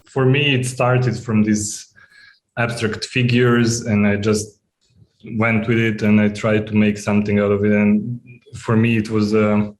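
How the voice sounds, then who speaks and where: A man from Serbia with a low, flat voice, answering questions at a festival Q&A. He keeps things short and plain, pausing to search for words. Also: slight background noise, low-quality recording. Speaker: film director.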